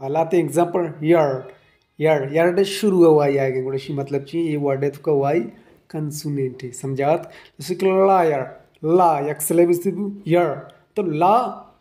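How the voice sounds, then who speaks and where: A man's voice: fairly high pitch, measured pace, dark tone. A man with a Balochi accent giving a spoken English grammar lecture, explaining step by step and often checking that students have understood.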